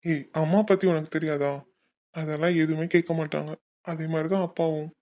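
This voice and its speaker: A single performer carries the male and female parts of a home-made animated cartoon, shifting from friendly school chatter to a son's pleading and a brother's harsh scolding. The sound is slightly dull and muffled, the pitch sits mid-range. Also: fairly quick. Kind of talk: animated Tamil cartoon voice acting.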